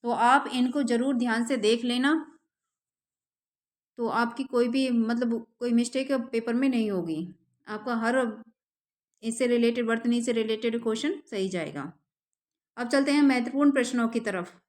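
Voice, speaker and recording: A woman teacher runs an exam-prep spelling lesson. Her voice sits a little high, and her pace is slow and deliberate. She repeats each word patiently so her students can follow along. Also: darkish tone. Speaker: Hindi teacher.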